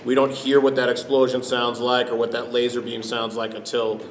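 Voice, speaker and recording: A man's voice: medium pitch, monotone, moderate pace, a little hiss or hum. Rambling man in an echoey room. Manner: rambling, many fillers and restarts. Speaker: podcast cast member. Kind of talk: casual interview chat.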